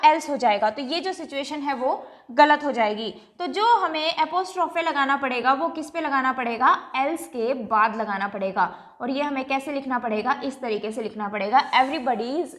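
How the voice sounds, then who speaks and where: A woman teaches English grammar at the board. She repeats each point, stretches out the example words slowly, and keeps asking the class whether it is clear. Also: high voice, fairly bright tone. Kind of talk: classroom lecture. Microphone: writing on a board.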